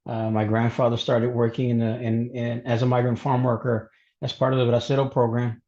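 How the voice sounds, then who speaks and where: Earnest male panelist, flat delivery, hesitant, muffled online call sound. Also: medium pitch. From Mexico, grew up in Texas. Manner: halting, many fillers and restarts. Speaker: panelist, college instructor. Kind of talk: webinar panel introduction. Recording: dull lo-fi webinar audio.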